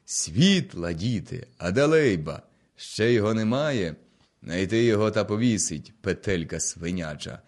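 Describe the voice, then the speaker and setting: A man voicing a stern old Cossack leader who shouts orders in a loud, low, slow voice. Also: lively intonation, close to an everyday voice. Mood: commanding.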